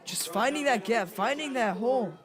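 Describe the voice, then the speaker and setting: A young man calling a high school football game, casual, leaning on stock phrases. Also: lively intonation, moderate pace, fairly bright tone. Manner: casual, repeats stock phrases like "of course" and "indeed". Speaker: play-by-play commentator.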